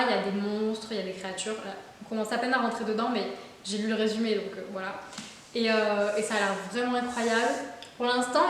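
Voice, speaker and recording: A young woman chatting casually about books, full of fillers, restarts and enthusiasm. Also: a little high. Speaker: book vlogger. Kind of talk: casual book haul chat. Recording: very echoey room with faint hiss.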